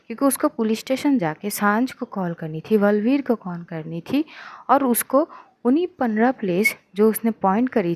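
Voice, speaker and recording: Casual woman storyteller, dark-toned. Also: a little high, no echo. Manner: casual, conversational narration with fillers. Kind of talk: story narration.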